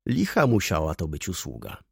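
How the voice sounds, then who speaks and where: A man voicing a polite, ingratiating male sales agent who asks curious questions, with a husky voice. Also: rumbling low, huge pitch swings, normal speed, dry recording, studio quality, voice pushed down, exaggerated voice. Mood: inquisitive.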